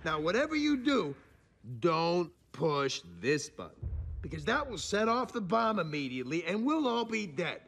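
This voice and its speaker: An actor voicing a hot-tempered male talking raccoon who snaps, yells and explains things in exasperated bursts. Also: sits high, very animated, fairly quick, creaky, few pauses, slightly rough, exaggerated voice. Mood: instructive. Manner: snappy, yelling, exasperated. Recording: film soundtrack with loud score.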